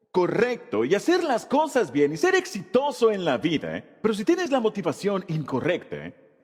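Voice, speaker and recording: Husky man preaching in a reverberant hall. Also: a little high, darkish tone. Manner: emphatic preaching delivery with rhetorical questions. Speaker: Spanish voice-over of a pastor's sermon. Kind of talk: sermon.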